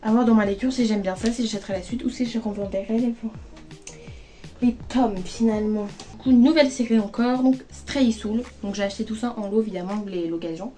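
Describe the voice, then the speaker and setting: A woman vlogger rambles casually about her new books, filling gaps with hesitations. Her voice is mellow and warm, with faint music under the phone recording. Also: mid-range voice, brisk. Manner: chatty, rambling, many fillers. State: overheated. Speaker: book vlogger. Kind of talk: casual book haul chat.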